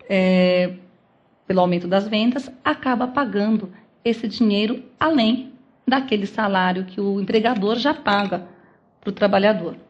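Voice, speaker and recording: A woman with a Brazilian accent delivers an academic lecture at a medium pitch, working through each point with questions she then answers herself. The recording is dull and lo-fi, like a captured lecture hall talk. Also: a little mellow. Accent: Brazilian Portuguese. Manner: explains step by step with rhetorical questions. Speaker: law lecturer.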